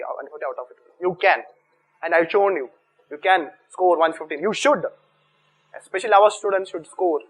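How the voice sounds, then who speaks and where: A man's voice: sits high, rough recording. A man with an Indian English accent giving a coaching lecture to students, speaking emphatically with repeated points and rhetorical questions. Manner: emphatic, repetitive, with rhetorical questions and check words. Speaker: exam coaching teacher.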